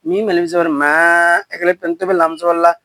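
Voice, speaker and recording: A man teaching Quran recitation, spelling out each syllable, then chanting the verses slowly and drawn out, with brisk explanations in between. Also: a little high, little pitch movement, fairly bright tone, no room sound. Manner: brisk explanations between recitations, asks learners to repeat and comment. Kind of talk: spelling-out and slow recitation lesson.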